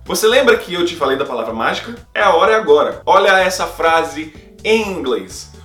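A man with a Brazilian Portuguese accent teaching English in a lively, playful way, asking and answering his own questions. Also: fairly high pitch. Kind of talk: explanatory video lesson. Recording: roomy echo, faint music.

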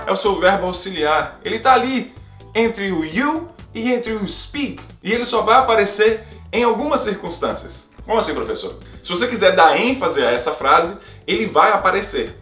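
A man with a Brazilian Portuguese accent explains grammar as a video teacher, upbeat and playful. His voice sits a little high. He speaks in an echoey room, with faint music under him. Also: moderate pace. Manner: playful, lively, asks and answers his own questions. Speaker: English teacher. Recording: roomy echo, faint music.

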